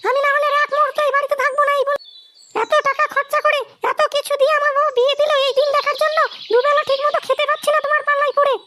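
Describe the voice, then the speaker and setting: A woman's voice: level tone, rapid-fire, a little hiss or hum. A woman voicing an angry, nagging young wife who scolds her husband in a cartoon. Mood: scolding. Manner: scolding, shrill, demanding. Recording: loud background music.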